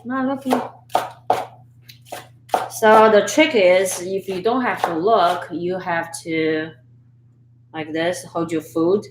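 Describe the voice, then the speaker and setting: A woman's voice: lowish voice, takes it slowly, long pauses, reverberant, a little hiss or hum, rough recording. A woman from Sichuan, hosting a live-stream cooking show and chatting with viewers while she chops. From Sichuan, China. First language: Chinese. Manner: chatty, talks to viewers while chopping, laughs often. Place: home kitchen. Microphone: camera and phone setup.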